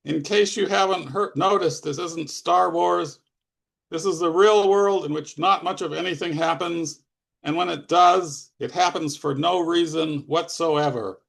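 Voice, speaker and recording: A man performing a blunt, exasperated young man, raised and pushed higher than a plain reading voice, with a gravelly edge underneath. He pushes back hard at every mystical claim, with no patience for it. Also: measured pace, a bit bright. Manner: exasperated, protesting.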